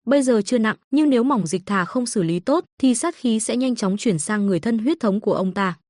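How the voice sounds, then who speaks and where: A woman narrating a comic story in an even, steady reading. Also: on the high side, brisk, no echo, clean studio sound.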